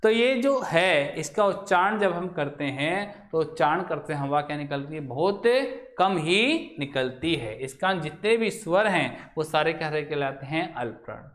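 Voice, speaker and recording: Male classroom teacher, somewhat high-pitched, lectures in a question-and-answer manner and draws out key words; recorded in an echoey room. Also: animated, a little slow, few pauses, a bit bright. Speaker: Hindi grammar teacher.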